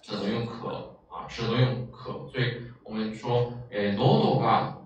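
A man's voice: mid-range voice, fairly even intonation, unhurried, a little hiss or hum. A man teaching a vocabulary lesson, explaining patiently with many filler sounds. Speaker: Japanese language teacher. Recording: echoey, distant, dull lo-fi room.

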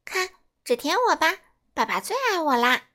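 A tiny baby ankylosaurus in a storybook brags in a smug, childlike voice, as a woman puts him on. The voice is very high and bouncy. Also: sing-song, moderate pace, a bit bright. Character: small boastful baby ankylosaurus.

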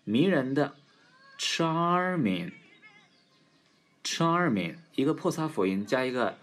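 A man teaching English pronunciation in a casual lesson, stretching model words slowly and clearly. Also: mid-range voice, animated, a little mellow. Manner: slow drawn-out model words.

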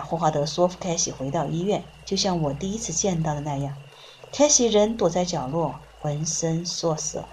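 A woman narrating a book in the first person, reading in a calm, measured way. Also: sits low, slight background noise. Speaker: audiobook reader.

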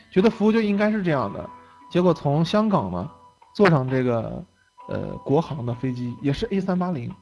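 A man's voice: on the high side, darkish tone, dull audio. Chatty young man telling lecture stories. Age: young adult. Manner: chatty, laughs often, tags phrases with "OK" and "是吧". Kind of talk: casual storytelling lecture.

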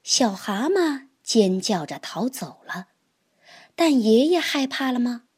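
A woman reading a children's story aloud, slow and expressive. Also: a little high, breathy edge.

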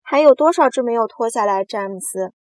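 A woman voicing a boastful, cheeky male giant centipede in a storybook reading, bragging and teasing loudly. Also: mid-range voice, animated, moderate pace, vocal fry, husky, dry recording.

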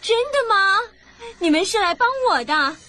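A big, gentle mother dinosaur from a children's cartoon. The dinosaur voice is very high and swings widely in melody. Loud music plays along with it. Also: lively intonation, moderate pace. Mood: touched, grateful. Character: big friendly lost mother dinosaur missing her family.

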